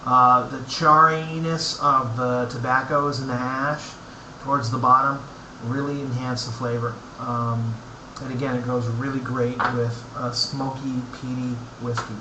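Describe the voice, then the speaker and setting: A man giving a casual, unscripted review, speaking haltingly and thoughtfully in short phrases with pauses between them. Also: mid-range voice, level tone. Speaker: pipe tobacco reviewer. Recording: echoey room, clear background noise.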